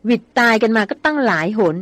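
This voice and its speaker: A woman's voice: a little high, lively intonation, fast talker, no room sound. A woman reading aloud as a blunt grown man who teases and grumbles. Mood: grumbling.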